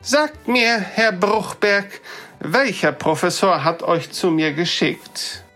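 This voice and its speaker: A jittery male dwarf toymaker, pitched high above the teller's own voice and full of fussy eagerness, as a narrator puts him on. He sputters his words with a courteous, old-fashioned manner, like a figure from a fairy-tale audiobook. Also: slow, fairly bright tone, faint music behind. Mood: wary.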